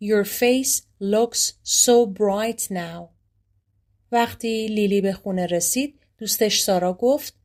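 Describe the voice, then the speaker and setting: Woman teacher w/ persian accent going over english grammar, fast explaining, slow careful examples. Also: medium pitch, a little mellow. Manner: reads English examples slowly and deliberately, explains quickly. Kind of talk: grammar lesson explaining story sentences.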